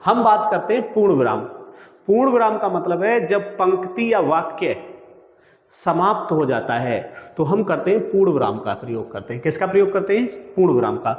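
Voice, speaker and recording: A man's voice: sits high, lively intonation, moderate pace, muffled recording. A male teacher giving an exam coaching lesson. He keeps asking a question and then answering it himself, and calls his listeners friends and brother. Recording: echoey room with long reverb.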